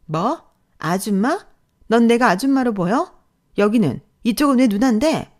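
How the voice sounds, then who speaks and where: A woman doing a vain young wife with a sharp tongue, snippy and scornful in every word. The voice is pushed up higher than a plain speaking voice, as in a told story. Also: very animated, normal speed, natural voice. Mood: angry. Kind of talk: storytelling role-play.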